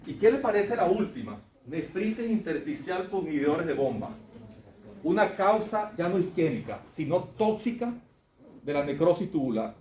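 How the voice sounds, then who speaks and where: A man's voice: a little high, big pitch swings, normal speed, a little mellow. A man lecturing medical students on clinical cases, conversational and often asking the class questions. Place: lecture hall. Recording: echoey classroom, faint room noise.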